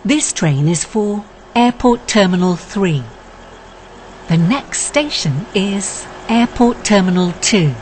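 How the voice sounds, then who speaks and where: A woman's calm, measured voice giving an automated train announcement. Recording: steady train rumble noise.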